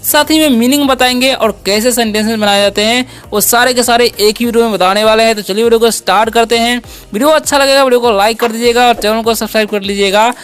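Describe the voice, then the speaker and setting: A woman teaching an English lesson, spelling words out slowly and asking and answering her own questions with a frequent "okay". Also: fairly high pitch, soft background music. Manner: asks and answers own questions, repeating "ठीक है"; slow, careful spelling-out of words.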